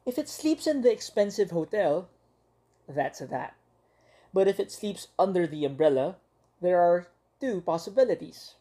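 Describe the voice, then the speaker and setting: A woman teacher reads a children's picture book aloud with lively expression and dramatic pauses. Her voice sits slightly low and has a warm, mellow tone. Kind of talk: storybook read-aloud for young children.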